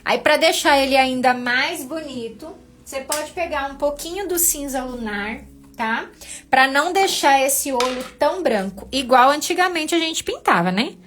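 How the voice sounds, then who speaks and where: A woman's voice: high voice, lively intonation, moderate pace, fairly bright tone, slight background noise. A woman teaching a live painting class, patient and encouraging, walking her students through each step.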